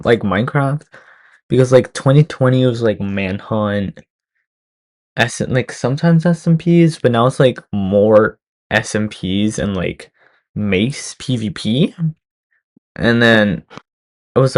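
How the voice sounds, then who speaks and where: A man's voice: mid-range voice, animated, measured pace, long pauses. A young man giving casual reaction commentary over a video, rambling with lots of fillers and restarts. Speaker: reaction streamer.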